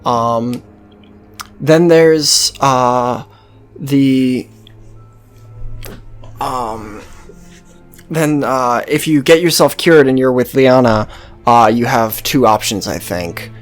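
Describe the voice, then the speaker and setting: With faint music behind him, a mid-range commentator talks through gameplay extremely slowly, leaving long pauses. He's casual and unscripted, swearing freely in a sardonic, offhand way.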